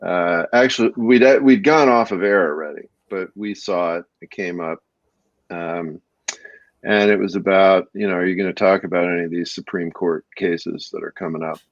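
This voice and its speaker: Deep-voiced man, dull lo-fi sound. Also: no room sound. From Northwest Minnesota. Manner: laughs often, halting with many fillers. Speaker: podcast co-host. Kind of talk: casual chat.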